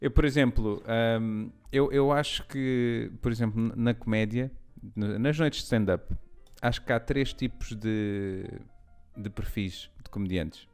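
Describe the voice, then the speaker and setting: A man's voice: medium pitch, unhurried, a little mellow, smooth, faint music behind. A man chatting casually, explaining his thoughts carefully and checking for agreement. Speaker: stand-up comedian. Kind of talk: casual conversation.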